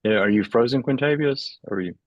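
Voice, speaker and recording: Over a video call, a man hosts and moderates an artist talk, presenting casually with lots of filler words and frequent laughter. His voice is medium-pitched and quick, and the muffled recording has no room sound.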